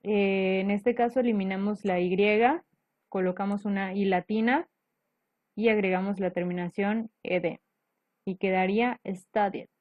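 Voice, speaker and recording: A woman's voice: medium pitch, fairly even intonation, a little slow, dry recording. A woman teacher explaining grammar rules step by step, patiently checking in with her students. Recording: dull lo-fi dry recording.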